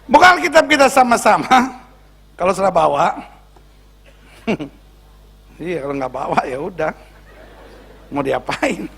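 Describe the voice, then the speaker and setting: A man's voice: high voice, very animated, a little slow, gravelly, pauses often, a bit bright, a little hiss or hum. A male pastor preaching a sermon in church, joking and teasing the congregation.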